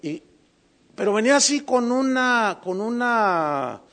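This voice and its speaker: A man preaching a sermon with a high voice, his delivery dynamic as he tells a story. He drops to a hush on some lines and pushes hard on others. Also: animated, takes it slowly. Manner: dynamic, swings from hushed to emphatic.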